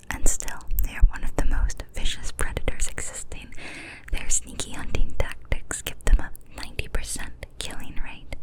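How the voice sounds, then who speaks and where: A young adult woman giving whispered ASMR narration, cupping her hand and whispering very close to the mic without voicing. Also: low-quality recording. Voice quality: unvoiced whisper. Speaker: ASMR host. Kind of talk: whispered ASMR, reading fun facts. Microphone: extreme close-up mic.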